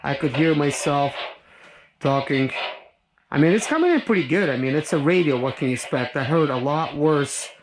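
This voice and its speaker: A slightly high, animated male voice moves at a moderate pace as he tests a product hands-on. The reviewer's talk is casual and wandering, his thinking spoken aloud. Noise and clicks are audible throughout.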